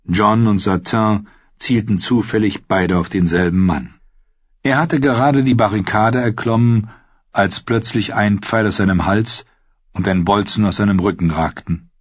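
Low husky male audiobook narrator. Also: unhurried, no echo, highs cut off.

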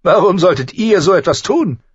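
A man's voice: sits high, animated, moderate pace, breathy edge, no room sound, muffled recording, voice pushed up. A man doing a cold, haughty queen. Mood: suspicious.

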